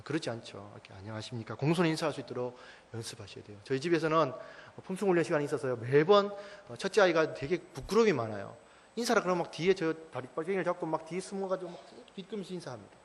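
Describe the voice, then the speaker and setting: Church staff speaker, male, thirties: quick, emphatic parenting talk with a slightly high voice and long hall reverb. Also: expressive, slight background noise. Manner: emphatic, addresses audience directly with rhetorical questions.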